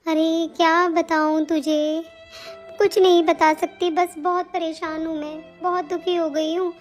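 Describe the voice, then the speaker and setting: A woman's voice: very high voice, level tone, measured pace, soft background music. A woman playing a self-pitying older mother-in-law and grandmother who complains and moralizes in a plaintive way. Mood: aggrieved. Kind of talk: hobby family-drama acting.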